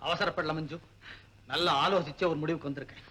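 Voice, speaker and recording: Actor doing a grave vengeful young hero, old film scene, high bright voice. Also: male voice, fairly even intonation, quick pace, a little hiss or hum. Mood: resolute. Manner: solemn and grave, turning to impassioned shouting. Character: grim young man set on revenge, breaking off his engagement. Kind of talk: 1960s Tamil film acting.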